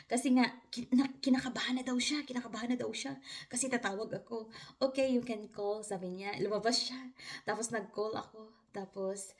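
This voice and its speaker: A woman's voice: on the high side, a bit bright. A woman with a Filipino accent telling a personal story to her viewers in a casual, chatty vlog, often breaking into laughter. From Philippines. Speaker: vlogger.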